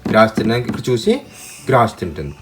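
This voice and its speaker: Woman reading a kids' story with sound effects, quite low voice, soft music under it. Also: huge pitch swings, quick pace. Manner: asks the listener questions, mixes in sound effects. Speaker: storyteller for children. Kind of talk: telling a picture story to a child with questions.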